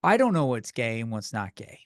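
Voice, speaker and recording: His voice sits mid-range and sing-song, moving a little fast, as this man in his thirties rants alone on a comedy podcast. He's rambling, profane and self-deprecating, and the clean studio sound has no room noise.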